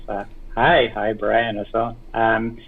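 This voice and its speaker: Englishman with a softened Birmingham accent. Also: lowish voice, little pitch movement, slow, breathy edge. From England. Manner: hesitant, many ums and restarts. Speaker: guest. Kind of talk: casual explanatory chat. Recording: tinny phone-like line.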